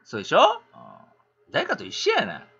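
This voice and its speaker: A middle-aged man with a Kansai accent, chatting on a casual livestream in an animated, rambling, ranting way. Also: sits high, brisk, breathy edge, lo-fi sound.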